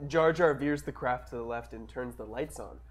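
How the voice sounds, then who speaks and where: A man's voice: mid-range voice, normal speed. A man reading scripted action narration at a casual comic table read.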